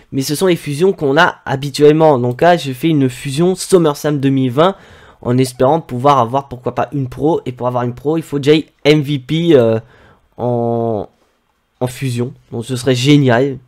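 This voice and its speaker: A man talks through his gameplay in a relaxed, conversational way. He fills gaps with pauses and hesitations as he goes. The tone is easygoing, like a casual gaming video. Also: medium pitch. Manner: relaxed, chatty, frequent hesitations. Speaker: gaming YouTuber.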